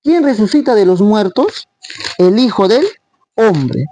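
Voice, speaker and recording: A man's voice: high-pitched, expressive, a little slow, warm tone, dry recording. A man preaching a Bible study to his congregation. He explains each verse, asking questions and answering them himself.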